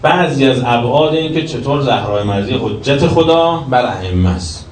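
A man giving a religious sermon, shifting between emphatic raised lines and quiet lowered passages. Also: expressive. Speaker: cleric lecturing. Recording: roomy echo, distant from the mic, faint background noise.

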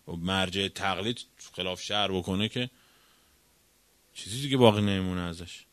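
A man lecturing on religion with a bright, forceful tone and a combative, questioning delivery. He swings from loud emphasis to hushed asides. The recording is dry and close. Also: medium pitch, no room sound. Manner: argumentative, rhetorical questions, swings between loud and quiet. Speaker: cleric lecturer.

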